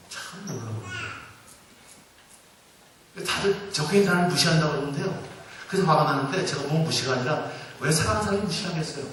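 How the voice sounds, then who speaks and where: A man's voice: a little high, fairly bright tone. A man in his sixties, a church elder, giving a humorous talk to a congregation, telling stories and asking the audience questions. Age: 60s. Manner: jokey storytelling, asks the audience questions. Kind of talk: humorous sermon-lecture to a congregation. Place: large church sanctuary. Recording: very echoey hall, mic far off, noisy.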